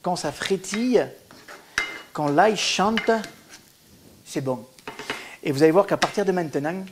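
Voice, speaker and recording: A man and wellness coach giving a cooking demonstration in a kitchen, talking viewers through each step in a gentle, instructive way and calling them by fond pet names. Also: sits high, animated, unhurried, noisy background. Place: home kitchen at the stove. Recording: food sizzling in the pan behind.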